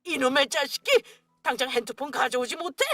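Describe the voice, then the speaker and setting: A woman voicing an angry middle-aged father-in-law, a gruff, scolding businessman, in a dramatized radio story. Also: high voice, fairly quick, sharp tone, no room sound, clean studio sound. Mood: furious.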